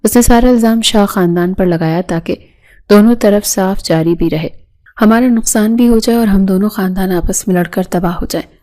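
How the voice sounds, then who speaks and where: A woman reading a romance novel aloud as scripted narration, in a steady, even way. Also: medium pitch.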